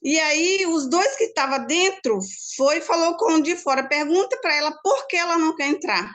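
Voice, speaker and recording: High-voiced woman telling a testimony. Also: fairly bright tone. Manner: fast, earnest storytelling with many restarts. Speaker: church group member sharing a testimony. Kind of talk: emotional personal testimony.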